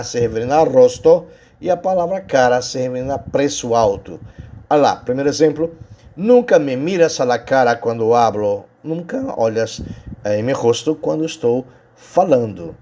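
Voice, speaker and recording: A man's voice: mid-range voice, expressive, normal speed, darkish tone. A man with a Brazilian Portuguese accent teaches a recorded Spanish lesson. He explains each point patiently and keeps checking in with his students.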